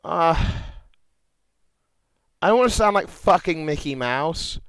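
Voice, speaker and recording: A young man, streaming casually, excitable and profane, rambling between asides. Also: fairly high pitch, slow, smooth, dry recording. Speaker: livestreamer. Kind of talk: casual livestream reaction chat.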